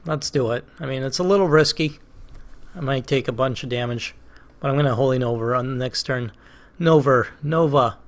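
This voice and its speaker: A man with a Boston accent talks through a card game at his desk mic, weighing each move aloud with plenty of pauses and second guesses. His voice sits at a middling pitch with a gravelly, creaky edge. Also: fairly even intonation. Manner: thinking aloud, hesitant, self-questioning. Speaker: gaming channel host. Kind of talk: casual let's play commentary.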